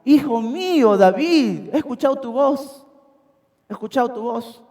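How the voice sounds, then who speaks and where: A preacher slips into a scheming king who hides his hatred behind sweetness. The voice rises high and honeyed, each word falsely tender. A long reverb from the church hall trails every phrase. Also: lively intonation, a little slow, creaky, a little mellow, exaggerated voice. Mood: falsely sweet.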